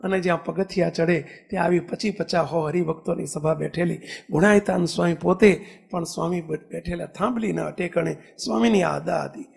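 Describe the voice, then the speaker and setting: Gravelly high-pitched male preacher. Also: brisk. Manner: preaches with rising emphasis, acting out cries and dialogue. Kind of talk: sermon with storytelling.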